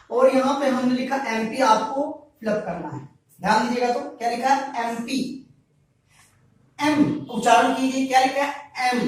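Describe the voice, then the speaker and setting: A male teacher giving a grammar lesson to students, repeating each point and answering his own questions. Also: very high-pitched. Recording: very echoey room, voice far from mic.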